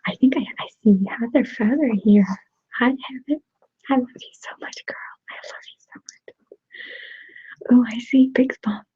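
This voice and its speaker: Whispering at normal speed with a fairly high pitch, this ASMR channel host has a breathy voice and a Russian accent. She responds to viewer comments during a live chat, soft and giggly. The audio, captured on a desktop USB microphone, is dull, dry, close and echo-free.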